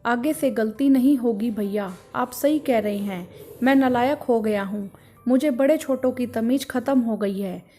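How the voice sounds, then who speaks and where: A woman's voice: on the high side, a little slow, dark tone, faint music behind, close to an everyday voice. A woman voicing a remorseful young man who pleads and apologizes.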